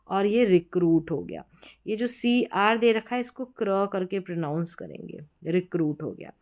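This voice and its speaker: A woman teaching English spelling patterns, repeating words slowly and asking questions back to the viewer. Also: medium pitch, a little mellow. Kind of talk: explanatory classroom lesson.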